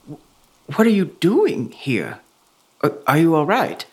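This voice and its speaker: A woman's voice: low voice, wildly swooping pitch, measured pace, husky, exaggerated voice. A woman voicing a kindly, flustered male priest who speaks hesitantly and with concern. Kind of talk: audio drama acting.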